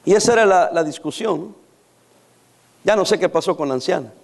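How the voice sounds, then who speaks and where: A man's voice: high-pitched, animated, a little fast, gravelly. A man in his fifties preaching a sermon, teasing his congregation with jokes and dramatic stories. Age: 50s. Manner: joking, teasing storyteller.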